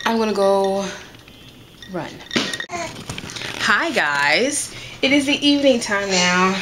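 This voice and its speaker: A woman chatting casually in a vlog, rambling and laughing often as she talks. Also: fairly low pitch. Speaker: vlogger. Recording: loud background noise.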